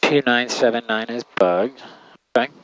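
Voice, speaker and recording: A man's voice: medium pitch, moderate pace, muffled recording. A male pilot making clipped radio calls through his headset in a small plane's cockpit. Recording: engine drone in a noisy cockpit.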